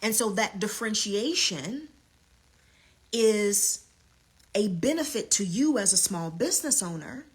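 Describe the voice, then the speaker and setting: A woman's voice: medium pitch, expressive, a little slow, long pauses, husky. A woman teaching a live online business lesson as a coach, emphatic and repeating her key points.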